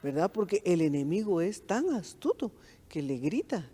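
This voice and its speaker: Middle-aged Guatemalan church woman, warm mellow voice, affirming conversational teaching. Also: on the low side, very animated, moderate pace, breathy edge. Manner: affirming, frequent amens and agreement. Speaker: pastor's wife, co-host.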